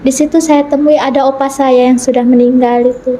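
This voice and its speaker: High-voiced woman telling an earnest story. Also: little pitch movement, a little fast, dark tone, a little hiss or hum, rough recording. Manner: earnest storytelling, acting out quoted dialogue. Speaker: guest recounting a vision. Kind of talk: personal testimony in an interview.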